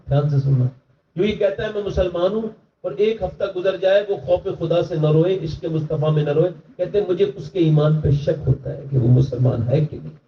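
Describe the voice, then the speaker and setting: A man giving an impassioned religious speech to a large gathering, his voice climbing to strained high shouts. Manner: rises to high, strained shouting during retold dialogue. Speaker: preacher. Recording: distant, roomy, dull lo-fi sound.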